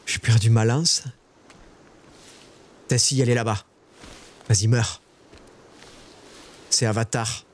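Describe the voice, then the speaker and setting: A man streaming a survival game, talking to his chat in casual live commentary and shrieking high when startled. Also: fairly even intonation, slow, long pauses, a little hiss or hum.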